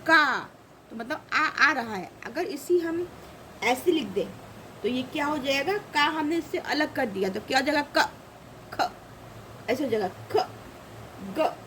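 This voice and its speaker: A woman's voice: high-pitched, expressive, normal speed, a bit bright, a little hiss or hum, rough recording. A woman teaching a grammar lesson, saying each example word twice and asking the class questions. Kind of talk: slow spoken lesson.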